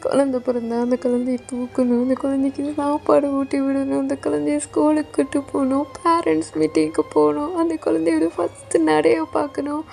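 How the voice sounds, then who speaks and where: A desperate young man in a fan audio drama, pleading and insistent, close to tears, as a woman acts him out. The voice sits very high and carries a gravelly fry. Its tone is dark and mellow, with soft music underneath. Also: fairly quick, few pauses. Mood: begging.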